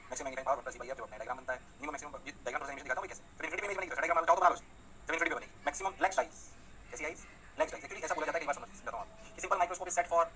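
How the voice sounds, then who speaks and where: Male teacher, high-pitched, very fast, sharp tense voice, lively call-and-response lecture. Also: slight background noise, low-quality recording. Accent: Hindi. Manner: energetic, coaxing students with call-and-response; fast, rapid-fire explanations. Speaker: physics teacher.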